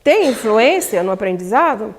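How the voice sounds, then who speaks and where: Brazilian woman, seminar lecturer, emphatic and engaging, fairly high voice, hall reverb. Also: moderate pace, slight background noise. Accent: Brazilian Portuguese. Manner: lively, emphatic, asks the audience questions. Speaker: lecturer at a spiritist center seminar. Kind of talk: teaching a public speaking course. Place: community hall.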